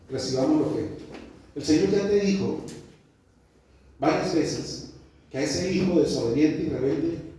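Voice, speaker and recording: A male pastor preaches from a distance in a very echoey church hall, with faint noise behind him. He swings between sharp high rises and hushed, slowed-down stretches. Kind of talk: sermon.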